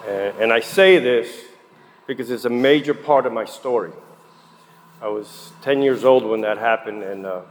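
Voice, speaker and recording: Middle-aged man sharing a candid testimony at a meeting, mid-pitched, long hall reverb, faint hiss. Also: normal speed. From Puerto Rico, raised in New Jersey. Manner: candid, conversational, with frequent fillers. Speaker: guest speaker at a recovery meeting. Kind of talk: personal recovery testimony.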